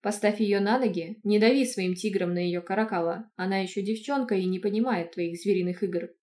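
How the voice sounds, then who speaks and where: A woman's voice: mid-range voice, fairly quick, darkish tone, close to an everyday voice. A woman reading an audiobook, voicing a possessive young cat-shifter man who speaks in a displeased, insistent tone.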